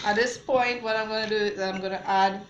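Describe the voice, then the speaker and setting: A mother talks viewers through a home recipe in an easy, chatty way. Her voice sits at an ordinary pitch for a woman. The kitchen rings with echo, and cutlery and pans clatter behind her. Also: steady tone, brisk, highs cut off, heavy background noise. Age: adult mother. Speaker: home cook showing a recipe. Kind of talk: casual cooking demonstration. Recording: echoey kitchen with clattering cookware. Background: dishes, cutlery and blender clatter.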